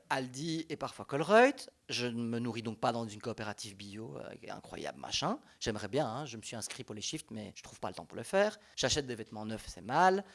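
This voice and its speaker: A young man with a Belgian French accent giving a public talk as a panel speaker, animated and conversational, often restarting his sentences. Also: medium pitch.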